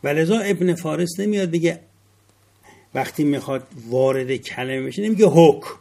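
Gravelly husky man lecturing on word roots. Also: a little high, dark tone. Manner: spells out letters slowly, rising emphasis. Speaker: religious studies teacher.

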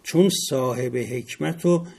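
A middle-aged man giving a classroom lecture on word roots, slowly spelling out letters and rising to stress key points. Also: medium pitch, gravelly, darkish tone, husky. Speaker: religious studies teacher.

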